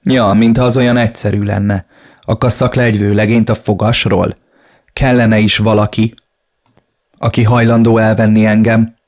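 A man's voice: fairly low pitch, flat delivery, darkish tone, no room sound, clean studio sound, close to an everyday voice. A man reading an audiobook voices a young heiress who protests in a shocked, exasperated way. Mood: bitter sarcasm. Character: young heiress woman, frightened and indignant.

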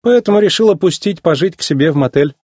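A man doing a brisk bossy lady car. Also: a little high, animated, darkish tone, no room sound, studio quality, voice pushed up. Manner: blunt, commanding. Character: brisk female car, motel owner, bossy.

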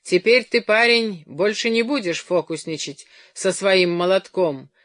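A reader putting on a blustering, hot-tempered grown man who barks his threats louder than the calm narration around him. The delivery is slow and close, with almost no room sound, in an audiobook. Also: medium pitch, dry recording, close to an everyday voice. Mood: gloating. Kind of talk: audiobook character voicing.

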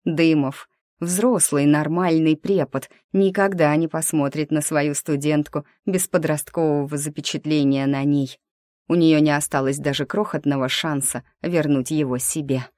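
A woman narrating a novel in an audiobook, reading at an even, measured pace. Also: low voice, no room sound, clean studio sound. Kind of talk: scripted narration.

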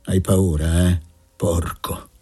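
A man reading aloud, voicing a tough, hot-tempered young man who talks low and with contempt. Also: level tone, takes it slowly, warm tone, husky, full character voice. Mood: contemptuous.

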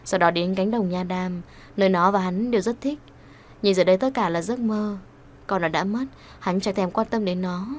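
A woman's voice: mid-range voice, moderate pace, slight background noise. Woman narrating a dramatic audiobook.

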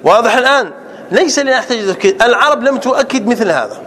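A man with a very high, lively voice teaches a grammar lesson. He repeats example sentences and keeps quizzing his listeners as he explains. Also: racing. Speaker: Islamic scholar teaching grammar.

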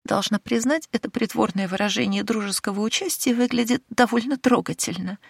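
A woman voicing a cheeky, sharp-tongued young maidservant in an audiobook, with a mocking, teasing manner. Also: a little high, a little fast, creaky, husky, no room sound, studio quality, voice pushed up.

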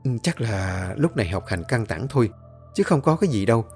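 A man voicing a bossy teenage schoolgirl who leads her friends in a brisk, firm tone. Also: a little high, soft background music, pitched above the performer's own voice, close to an everyday voice. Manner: forcing calm, then bossy and brisk.

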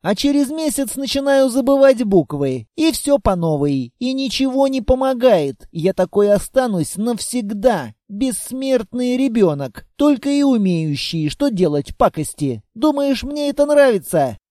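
A man's voice: very high-pitched, very animated, warm tone, no echo, studio quality, voice pushed up, exaggerated voice. A man reading aloud, voicing a sad, sarcastic little girl who never grows up. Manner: quick, sulky and sarcastic. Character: sad, sharp-tongued immortal little blonde girl.

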